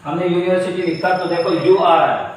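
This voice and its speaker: A man's voice: sits high, steady tone, a little fast, slight background noise. A man teaching English grammar in a classroom, explaining patiently, repeating points and posing questions to his students. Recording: echoey room from far off.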